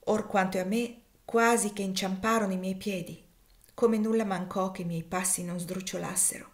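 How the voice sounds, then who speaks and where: A woman reading as a calm, devout older man. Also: medium pitch, natural voice. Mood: solemn. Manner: measured, solemn reading of scripture. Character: calm, devout older male host, steady and kindly.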